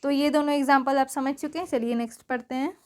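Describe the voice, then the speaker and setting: Her voice sits high and fairly even, and she talks fast. A woman patiently explains English spelling and pronunciation rules, spelling words out letter by letter and frequently making sure the listener has followed.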